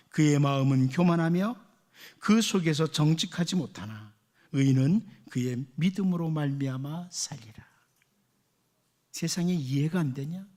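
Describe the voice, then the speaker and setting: A man's voice: a little high, darkish tone. A male pastor preaching a Sunday sermon in a church, earnest, often acting out quoted complaints and prayers.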